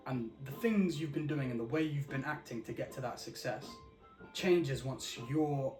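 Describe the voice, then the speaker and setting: A man talks in a slow, deliberate and earnest way, and he stresses his words clearly. His voice sits in the middle range. It rings in an echoey room, and music plays clearly in the background. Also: medium pitch. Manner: earnest, repeats "you know what I mean"; slow, deliberate, enunciated delivery. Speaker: vlogger. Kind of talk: casual reflective monologue. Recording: roomy echo with music behind.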